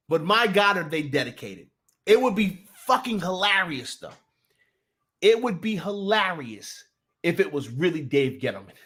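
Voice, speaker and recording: His voice sits high, pushed and bright, as this young Jersey-accented guy from New Jersey runs a laid-back live sports talk stream. Profanity comes easily, he restarts sentences, and he keeps saying hi to his chat.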